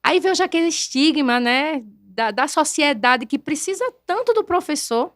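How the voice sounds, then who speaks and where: A woman, a guest telling her story in a lively, animated way and acting out quoted voices. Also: high-pitched, moderate pace, no echo. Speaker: guest, math teacher and neuroscience educator. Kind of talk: conversational podcast interview.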